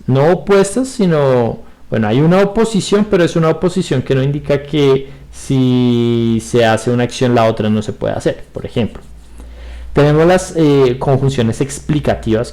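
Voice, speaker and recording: A middle-aged man gives a virtual grammar lesson over a computer mic. He explains step by step in an even, mid-range voice and keeps checking that his students understand. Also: medium pitch. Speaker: school teacher. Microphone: computer mic on a video call.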